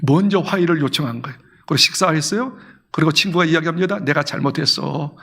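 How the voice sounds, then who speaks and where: A male pastor with a notably high voice delivers a lively sermon. He swings from loud, rising bursts to quiet, low asides. He often calls on his congregation to read along or repeat after him. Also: quick pace. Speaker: senior pastor.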